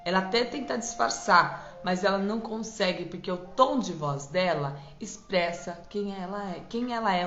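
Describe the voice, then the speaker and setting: A woman hosting a live stream, teaching in a calm, soothing way that slows and softens for emphasis, recorded in a dull, echoey room. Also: mid-range voice. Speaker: host of a live stream on voice and self-knowledge. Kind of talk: live talk, gentle motivational teaching.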